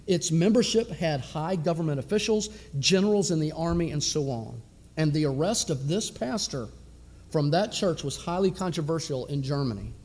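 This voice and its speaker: A man preaching with fervor, firing rhetorical questions at his congregation. His voice sits a little high yet sounds dark and mellow. It rings out with a long reverb, as in a large church hall. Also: lively intonation, normal speed. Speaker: pastor. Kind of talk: sermon.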